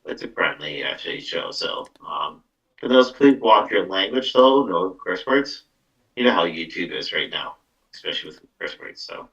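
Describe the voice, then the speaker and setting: On a live online stream, this psychic medium podcast host rambles through casual card-reading talk, padding his sentences with "actually" and "though." He has a deep, animated, creaky voice that is a bit bright and moves at a moderate pace. He is picked up by a muffled, distant mic.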